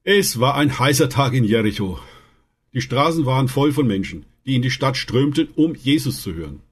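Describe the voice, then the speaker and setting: Husky-voiced man retelling Bible stories. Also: mid-range voice, normal speed. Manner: calm, earnest retelling with dramatic quoted lines. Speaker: Bible storyteller. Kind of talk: scripted Bible story narration.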